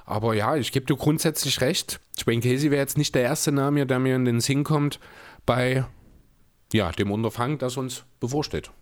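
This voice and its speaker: A man co-hosting a casual podcast, talking in a measured, analytical way with frequent chuckles. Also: medium pitch. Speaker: podcast co-host. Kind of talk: casual basketball chat. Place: room with closed soundproof windows.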